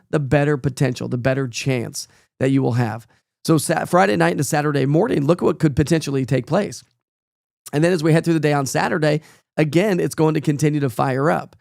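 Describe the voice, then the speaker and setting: Fighting a cold that's taking his voice, a male weatherman delivers a casual live forecast with a fairly high, darkish voice and vocal fry. His manner is folksy and chatty, rambling with fillers, captured in clean studio sound with no echo.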